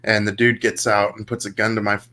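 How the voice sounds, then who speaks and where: A man's voice: lowish voice, little pitch movement, fairly quick, sharp tone. A young man casually telling a long story on a podcast, rambling with many fillers and restarts. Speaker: podcast co-host.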